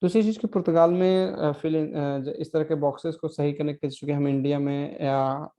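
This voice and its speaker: A man's voice: fairly high pitch, fairly even intonation, dark tone. Patient man teaching a class. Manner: patient, repeats and explains slowly with many fillers. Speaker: Portuguese language teacher. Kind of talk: online class lecture.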